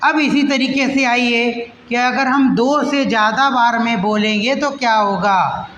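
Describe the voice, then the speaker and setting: A male English teacher giving a grammar lesson, who spells and repeats words slowly syllable by syllable and addresses listeners as friends. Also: very high voice, steady tone, sharp tone. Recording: echoey room with long reverb, faint noise.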